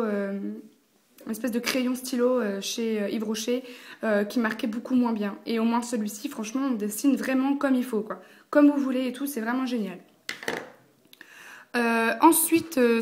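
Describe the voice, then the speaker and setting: A young woman, chatting casually through a makeup review, full of fillers and slang. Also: a little high. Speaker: beauty vlogger.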